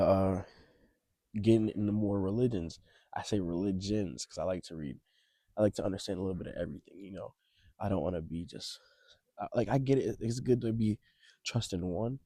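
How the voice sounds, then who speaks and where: A young adult man speaks briskly in a low, dark voice, pausing often; the recording is dry, with clean studio sound. As a vlogger, he gives casual, rambling advice to camera, hesitant and reflective, outdoors on a cold, windy, snowy beach, his voice shaky from shivering.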